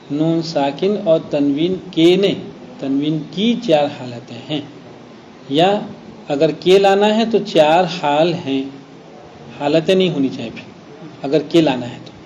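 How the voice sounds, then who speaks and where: A man teaching a Quran recitation class. He explains slowly, draws out the example words and checks that students follow. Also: a little high, darkish tone. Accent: Gujarat Urdu. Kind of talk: classroom lesson. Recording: dull lo-fi classroom recording with faint noise.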